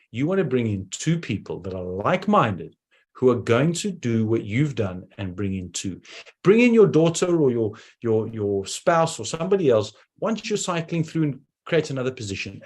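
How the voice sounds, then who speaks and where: Talking with a breathy edge in a mid-range voice, a man with a South African accent makes a persuasive case online, rushing in bursts and then abruptly slowing down.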